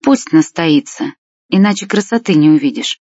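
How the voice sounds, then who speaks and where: A reader voicing a tearful sixty-year-old village man who talks slowly and sighs with grief, in a husky voice. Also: mid-range voice, lively intonation, a little mellow, dry recording, close to an everyday voice. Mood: coaxing. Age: 60s. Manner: slow, sighing, heavy with grief. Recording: dull lo-fi dry recording.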